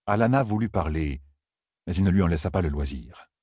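Very deep, husky male narrator. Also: expressive, a little fast, darkish tone, no room sound, clean studio sound. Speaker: audiobook narrator. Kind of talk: scripted narration of a fantasy novel.

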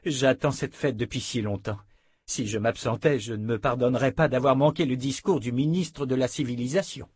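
A man's voice: mid-range voice, moderate pace, husky, dry recording, clean studio sound, close to an everyday voice. A man voicing a timid, shaken young noblewoman who speaks politely and a little strained. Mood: nervous politeness.

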